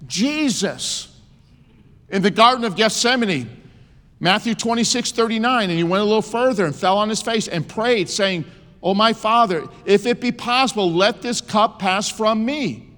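A man's voice: high-pitched, moderate pace, a bit bright. A man in his sixties preaching a sermon with emphasis and joking asides. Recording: long hall reverb.

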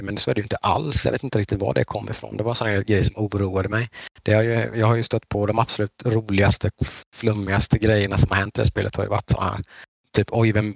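A man's voice: lowish voice, vocal fry, no echo. A man from the Nordic countries chatting casually as a podcast host, rambling with many halts and restarts. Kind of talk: casual chat. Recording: dull lo-fi dry recording.

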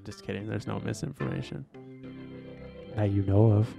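A man's voice: lowish voice, moderate pace, creaky, over music. A young man co-hosting a podcast in casual chat, rambling with lots of fillers and swearing. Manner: rambling and animated, many fillers and curse words. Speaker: podcast co-host.

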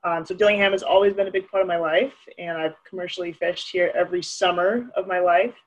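A woman's voice: fairly low pitch, fairly even intonation, fast, highs cut off. Earnest woman raised in Alaska. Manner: earnest, with many ums and restarts. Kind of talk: casual interview answers.

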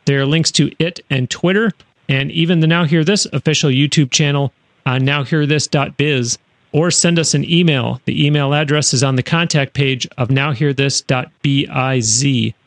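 A man's voice: a little high, steady tone, moderate pace, no room sound. A man hosting a radio interview show, recorded in a studio. He talks in a chatty way, with frequent fillers and restarts.

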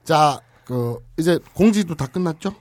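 A man's voice: fairly high pitch, a little slow, dry recording. A man co-hosting a comedy podcast, making absurd claims with a straight face. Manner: deadpan absurd boasting; sings his jingle in a crooning voice. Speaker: podcast co-host.

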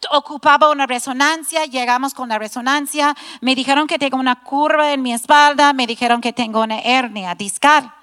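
A woman's voice: high-pitched, steady tone, brisk, hardly any pauses, a bit bright, in a large hall. A middle-aged woman preaching a sermon to a women's gathering, earnest, emphatic and self-deprecating. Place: church hall.

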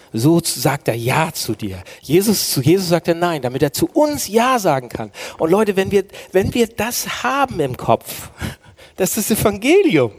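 Male preacher, fairly high voice, earnest sermon with dramatic drops to a hush. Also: breathy edge. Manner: dramatic swings from loud declaiming to hushed near-whisper; earnest, addresses listeners as friends.

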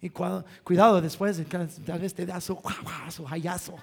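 A man's voice: high-pitched, little pitch movement, unhurried, vocal fry, a little mellow. A man preaching a sermon through family stories, emphatic, repeating phrases and chuckling between points.

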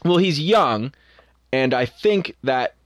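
A young man co-hosting a podcast in a casual sports chat, opinionated and animated. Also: medium pitch, dry recording, clean studio sound. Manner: opinionated, animated, quick asides. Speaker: podcast co-host.

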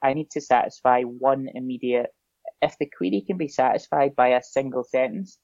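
On a podcast, a Scottish-accented man appears as an SEO guest, chatting casually with plenty of filler ums. His mid-range, creaky voice has a darkish tone at normal speed, and the dry recording sounds dull and lo-fi.

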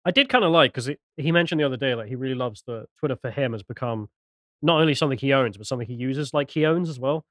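A man co-hosting a live podcast, quick and wry as he steers the chat. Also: mid-range voice, no room sound, clean studio sound. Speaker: podcast co-host. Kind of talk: casual banter on a live stream.

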